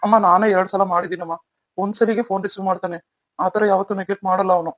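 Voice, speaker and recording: Actor voicing a calm cartoon young man, reasoning tone, quick, dry. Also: mid-range voice, dry recording, close to an everyday voice. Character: steady young husband and son, calm. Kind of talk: cartoon story voice acting.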